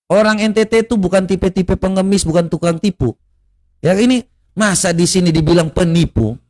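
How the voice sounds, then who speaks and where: A man's voice: sits high, a little fast, darkish tone. A man from in eastern Indonesia, delivering a confrontational online rant full of taunts, rhetorical questions and mocking laughter. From Kupang, East Nusa Tenggara, Indonesia. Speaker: online religious commentator. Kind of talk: confrontational social media rant.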